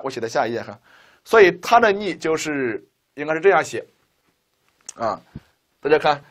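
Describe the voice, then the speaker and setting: A man teaching a linear algebra lecture, walking students through each step with rhetorical questions. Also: on the high side. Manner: keeps asking rhetorical questions, talks students through steps. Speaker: math teacher.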